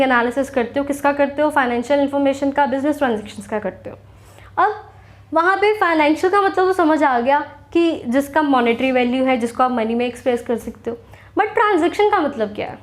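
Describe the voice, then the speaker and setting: A young woman with an Indian accent teaching accounting, explaining slowly and asking her class questions that she then answers herself. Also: high voice. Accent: Indian English. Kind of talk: classroom lecture.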